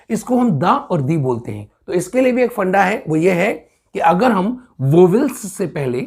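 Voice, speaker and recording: Indian man teaching grammar, lively, husky. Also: on the high side. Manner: explains step by step, repeats example sentences slowly. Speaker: English teacher. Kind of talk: spoken grammar lesson.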